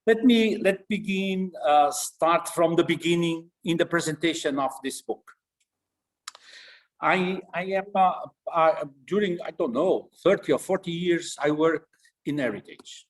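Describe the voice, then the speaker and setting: An older man, a retired professor, beginning his remarks haltingly, searching for words. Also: fairly high pitch. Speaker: professor emeritus. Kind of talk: informal opening remarks.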